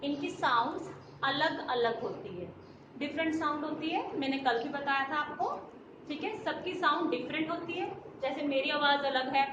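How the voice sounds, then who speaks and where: A woman, teaching a nursery class in a sing-song way, mixing Hindi and English and asking the children questions. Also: high-pitched. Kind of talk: children's lesson. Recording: roomy, distant, dull, noisy.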